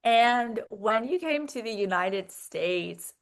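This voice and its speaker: A woman's voice: fairly high pitch, lively intonation, takes it slowly. A young woman hosting a casual podcast interview. She is chatty and filler-heavy, with plenty of "like" and "um." She piles several questions into one turn. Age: young adult. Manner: chatty, lots of likes and ums, asks stacked questions. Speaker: podcast host.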